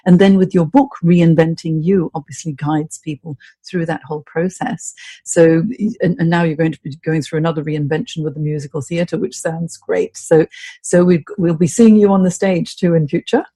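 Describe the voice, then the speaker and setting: Mellow, husky-voiced female interviewer. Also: deep voice, fairly even intonation, normal speed, no room sound. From Hong Kong. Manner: effusive, admiring questions. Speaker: host. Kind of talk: interview podcast.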